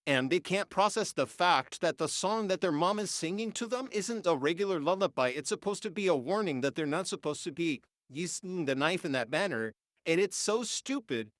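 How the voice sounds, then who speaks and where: Animated and cursing, this congested, sniffling nineteen-year-old vlogger rants without a script through an AI-filtered voice. The pitch is medium, the speed normal, and the studio-quality recording is dry.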